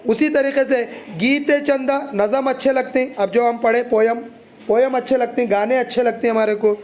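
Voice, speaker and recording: Man, teacher, very high voice, chatty line-by-line explanation. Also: fairly even intonation, normal speed, a little mellow. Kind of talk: explaining a poem to students.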